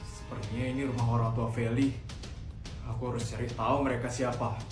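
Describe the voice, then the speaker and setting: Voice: little pitch movement, brisk, close to an everyday voice. A performer voicing a male bodyguard who answers formally and dutifully, in a comedy skit. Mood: reporting. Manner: low, stiff and formal. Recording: roomy with music behind.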